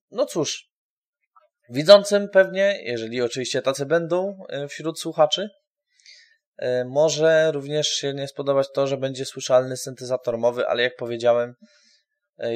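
A man hosting a podcast, speaking informally and haltingly with frequent pauses as he gives an introduction. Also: medium pitch. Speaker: podcast host.

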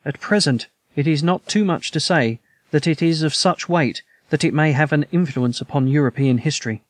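A man narrating a classic detective story in a measured, even storytelling manner. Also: fairly high pitch, no room sound. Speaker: audiobook narrator. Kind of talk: scripted narration.

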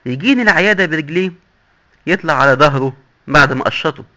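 A man's voice: on the high side, expressive, fast talker, pushed and bright. A man with an Egyptian accent voicing a boastful, sly male doctor in hell who lectures glibly and mockingly. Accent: Egyptian Arabic. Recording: dull lo-fi recording.

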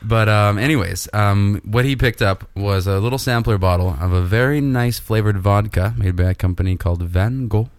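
A man's voice: fairly low pitch, moderate pace, few pauses, smooth, no room sound, clean studio sound. A man co-hosting a podcast, chatting casually in a laid-back, jokey, rambling way. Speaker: podcast co-host. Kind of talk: casual chat. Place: Canada.

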